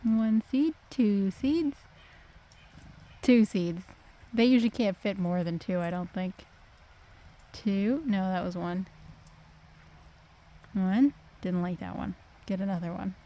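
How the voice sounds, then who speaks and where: A woman's voice: mid-range voice, takes it slowly, pauses often, warm tone. A woman vlogging casually outdoors in the woods, coaxing wild birds and talking to them. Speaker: nature vlogger. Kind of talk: casual outdoor vlog narration.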